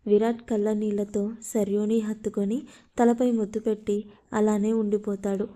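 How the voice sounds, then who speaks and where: Woman storyteller, love story narration, monotone, very dark mellow voice. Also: mid-range voice, moderate pace. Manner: steady, flat reading.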